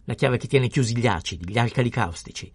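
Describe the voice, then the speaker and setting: A pompous village pharmacist scolding at the top of his voice, as a man reading an audiobook puts him on. His voice is raised well above a normal speaking pitch, with a gravelly, husky grain. The recording is dry and close. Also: level tone, normal speed, no room sound, exaggerated voice. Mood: furious ranting. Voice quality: shouting, scolding, indignant. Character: irate pompous male village pharmacist, middle-aged. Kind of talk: audiobook character voice.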